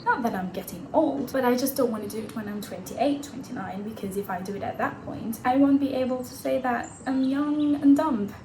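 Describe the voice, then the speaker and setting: A woman's voice: on the high side, fairly quick, few pauses, mellow. A woman in her twenties talking casually and candidly to the camera, laughing at herself now and then. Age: 20s. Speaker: vlogger. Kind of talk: casual talking-head vlog. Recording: echoey room with audible background noise.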